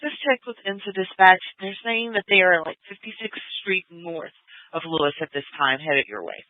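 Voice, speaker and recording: A man's voice: high-pitched, animated, moderate pace, dry recording. Man, police radio dispatcher, clipped radio codes, tinny scanner sound, dry.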